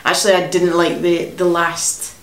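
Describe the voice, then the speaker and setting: A woman reviewing craft beer in casual chat, relaxed and hesitant with frequent ums. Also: lowish voice, moderate pace. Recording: echoey room.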